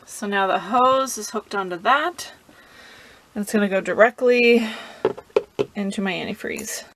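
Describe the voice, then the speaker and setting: A woman vlogger chats casually to the camera, giving a laid-back, informal how-to explanation. Her mid-range voice is fairly bright and a little slow, and the recording has clear background noise and ambience.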